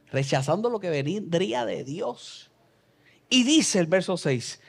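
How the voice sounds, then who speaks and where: A Puerto Rican man preaching a sermon as pastor, reading scripture and swinging between loud passages and soft asides in a church. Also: high voice. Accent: Puerto Rican Spanish. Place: church sanctuary.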